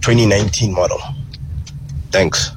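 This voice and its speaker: A man's voice: on the low side, moderate pace, slight background noise. A man in a recorded voice message played on air, briefly listing details as a listener calling in. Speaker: listener sending a voice note.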